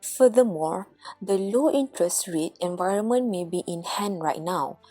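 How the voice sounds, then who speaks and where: Woman reading news script, mellow voice, dry close sound w faint music. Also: on the low side, lively intonation, moderate pace, breathy edge, dry recording. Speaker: student news reporter.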